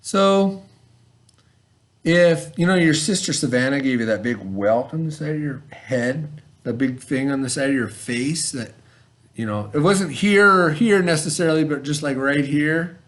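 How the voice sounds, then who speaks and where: Playing a schoolteacher, a man gives a child an informal read-aloud and vocabulary lesson, explaining conversationally and checking that the child understands. His fairly high voice is animated, unhurried, and a bit bright.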